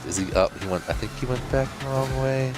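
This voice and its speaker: A man co-commentating a drone race, reacting with quick exclamations. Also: mid-range voice, over music. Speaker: co-commentator and pilot.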